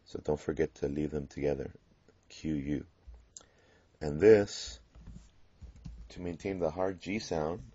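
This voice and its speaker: A man teaching a Spanish grammar lesson, explaining patiently and pausing on fillers as he works through examples. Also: a bass voice, dark tone, husky, no echo. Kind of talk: classroom grammar lecture. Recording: dull lo-fi classroom recording.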